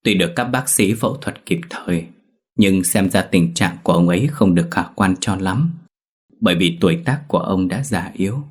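A man narrating a scripted horror story in a steady, dramatic way. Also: low voice, normal speed, husky.

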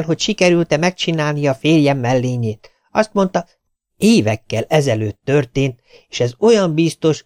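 A man's voice: a little high, a little mellow, no echo, clean studio sound, pitched above the performer's own voice, close to an everyday voice. A man voicing an adult farmer's wife who talks in an insistent, pressing way.

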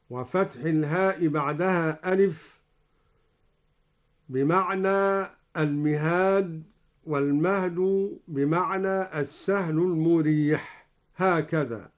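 A man teaching Quran recitation, explaining reading variants in a measured, formal way and chanting each quoted verse in slow recitation, recorded in a radio studio. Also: sits high.

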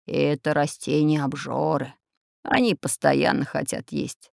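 A woman voicing a calm, learned elderly male professor who lectures. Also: deep voice, takes it slowly, creaky, dry recording, clean studio sound, exaggerated voice. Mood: lecturing.

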